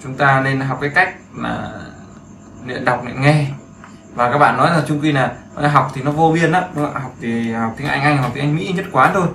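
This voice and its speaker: A man's voice: medium pitch, normal speed, gravelly, fairly bright tone. A man teaching beginners in a casual, chatty way, repeating himself and often checking that his students follow. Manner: chatty, repeats phrases, seeks agreement. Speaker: English teacher. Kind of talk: casual screen-share lesson. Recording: echoey room with faint background noise.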